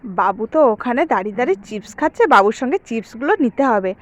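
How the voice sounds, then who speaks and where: A woman's voice: fairly high pitch, animated, very fast. A woman vlogger in a playful home skit, teasing and coaxing a child.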